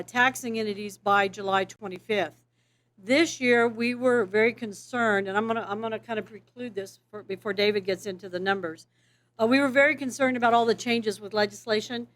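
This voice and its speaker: A woman's voice: mid-range voice, slight background noise. A woman giving a board meeting presentation, explaining things step by step. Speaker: appraisal district official presenting.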